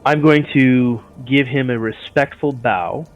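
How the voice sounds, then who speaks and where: A man's voice: mid-range voice, fairly even intonation, measured pace, faint music behind. A man playing a tabletop game, casually talking through what his character does, on a slightly dull voice channel. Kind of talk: casual chat, describing character's actions.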